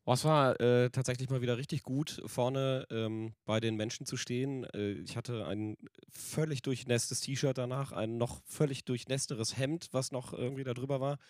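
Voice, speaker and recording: A man with a hoarse smoker's rasp co-hosting a casual podcast, often pausing to search for words. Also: mid-range voice, fairly even intonation, darkish tone, dry recording, studio quality. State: hoarse after a night out at a concert. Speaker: podcast co-host.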